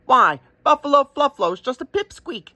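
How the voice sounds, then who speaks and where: A man's voice: very high-pitched, sing-song, moderate pace, sharp tone, no echo, lo-fi sound, voice pushed up, exaggerated voice. A man voicing a friendly, mangy old male crow in a rhyming storybook, squawky and chirpy. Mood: teasing.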